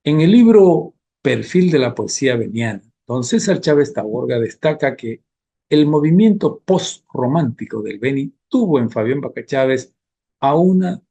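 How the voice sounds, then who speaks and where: Husky-voiced male radio host. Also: mid-range voice, dark tone. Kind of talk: cultural radio segment with poetry reading. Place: radio studio.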